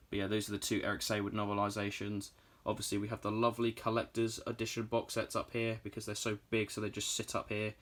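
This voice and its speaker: A man's voice: lowish voice, fairly bright tone. A British man in his twenties giving an off-the-cuff room tour in casual, enthusiastic, informal vlog chat. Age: 20s. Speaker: collector hosting a room tour.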